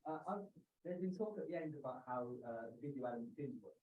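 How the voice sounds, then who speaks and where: A man's voice: mid-range voice, animated, fast talker, slight background noise. A man giving a thoughtful comment from the floor of a conference room, searching for words as he goes. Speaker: audience member at a panel. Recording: muffled, far from the mic.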